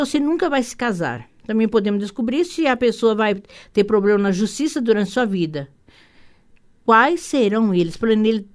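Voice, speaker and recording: Brazilian woman, radio host, mid-pitch, chatty explainer with restarts and tag questions. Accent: Brazilian Portuguese. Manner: rambling, warm asides with frequent "né?" tags; hurried, many restarts and repeated words. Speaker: radio show host and holistic psychotherapist. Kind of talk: radio talk explaining astrology.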